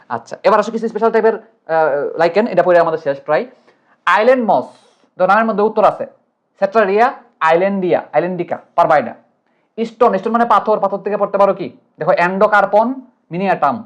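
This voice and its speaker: A young man teaching an online exam-prep lecture, chatty and playful, always checking "right?" and building memory tricks. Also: sits high. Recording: dull lo-fi sound.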